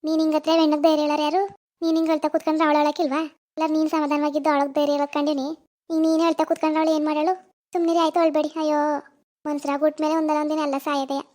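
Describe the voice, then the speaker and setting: A woman's voice: sits high, monotone, racing, darkish tone, lightly acted. A woman voicing a firm, caring middle-aged village woman in a cartoon, consoling and persuading. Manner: firm, consoling, a little bossy. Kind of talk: cartoon voice acting.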